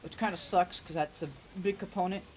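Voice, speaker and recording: A woman game streamer with a sore, rough throat, chatting in a rambling, casual way and swearing freely while she plays. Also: on the low side, fairly even intonation, fairly quick, a little mellow, a little hiss or hum. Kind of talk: casual let's-play commentary.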